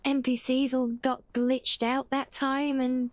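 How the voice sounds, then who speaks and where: Female streamer, high-pitched, chatty and rambling, casual gameplay talk. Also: little pitch movement, slow, dry recording. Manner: chatty, rambling, thinking aloud. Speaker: game streamer.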